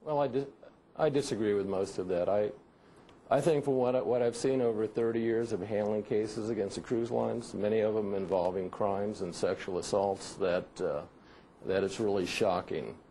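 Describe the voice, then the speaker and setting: An older man answers from a remote studio, measured and halting, often restarting his sentences. His voice is low and mellow, with a faint hiss under it. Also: steady tone, low-quality recording. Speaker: maritime injury lawyer. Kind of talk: remote news interview.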